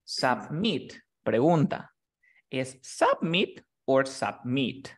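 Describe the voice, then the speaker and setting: A man's voice: medium pitch, sing-song, drawn-out words. A man teaching a class, explaining rules patiently and often checking that his student has understood. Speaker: English teacher.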